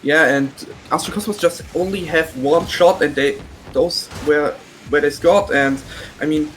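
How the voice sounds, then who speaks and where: A man giving color commentary on a live esports match, analysing plays in a halting way. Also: a little high, a bit bright, slight background noise, rough recording. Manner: halting, analytical, many fillers and restarts.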